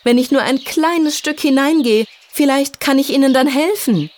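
A woman's voice: normal speed, darkish tone, lightly acted. A woman doing a timid, frightened young boy. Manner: high, strained boyish voice. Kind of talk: storybook reading.

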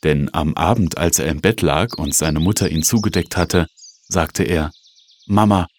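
A man with a very low voice reads a children's story aloud. He tells it slowly and evenly, in a measured storytelling way. Faint noise and small clicks sit under the recording. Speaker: narrator.

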